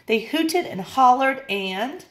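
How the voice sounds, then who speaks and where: A woman teacher reading a picture book aloud with expressive, playful storytelling. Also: sits high, takes it slowly. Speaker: music technology teacher.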